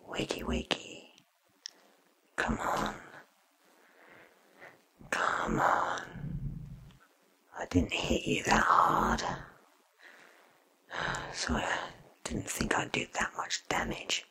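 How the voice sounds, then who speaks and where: A man's voice: extremely low pitch, huge pitch swings, extremely slow, vocal fry, pauses often, sharp tone, husky, heavily acted, poor audio. A man in his thirties playing an eccentric, curious, ancient alien time traveller, theatrical and wordy, in a close-miked ASMR roleplay. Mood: teasing, coaxing. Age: 30s. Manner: theatrical, wordy, self-assured. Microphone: close sensitive microphone.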